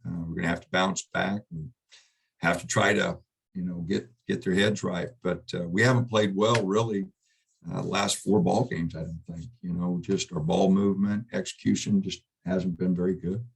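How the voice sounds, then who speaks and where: Middle-aged male coach, deep husky voice, halting postgame answers. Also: fairly even intonation. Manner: halting, subdued, many fillers and restarts. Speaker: basketball head coach. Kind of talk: postgame press conference.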